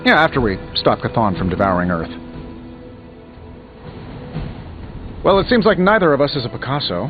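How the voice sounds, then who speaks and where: Actor as wisecracking Iron Man, lively and swooping. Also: mid-range voice, fast talker, highs cut off, soft background music, natural voice. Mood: wry, joking. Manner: glib, sarcastic, quippy banter. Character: wisecracking, cocky male armored tech-billionaire superhero. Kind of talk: video game voice acting.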